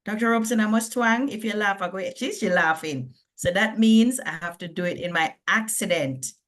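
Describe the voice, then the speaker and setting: A woman's voice: medium pitch, moderate pace, fairly bright tone. Jamaican woman emceeing, chatty and jokey. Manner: jokey, chatty, reads bios aloud. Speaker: conference host. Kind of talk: introducing speakers at an online conference.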